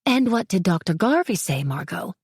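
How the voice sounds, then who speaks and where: A woman voicing a gentle, poised woman who speaks calmly and hesitantly. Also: lowish voice, moderate pace, breathy edge, no echo, studio quality, full character voice. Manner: calm, hesitant, patient.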